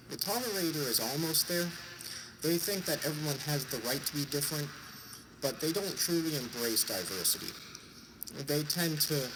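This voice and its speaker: A man with a congested, stuffy nose gives an informal, jokey explainer in an irreverent way. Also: on the high side. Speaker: vlogger summarizing a book. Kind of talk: informal explainer talk to an audience. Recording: clearly noisy background.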